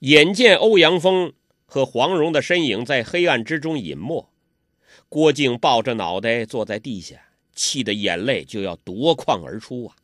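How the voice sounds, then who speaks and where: A man's voice: medium pitch, expressive, unhurried, fairly bright tone, no room sound, clean studio sound. A man narrating a martial arts tale in traditional oral storytelling style, with dramatic emphasis.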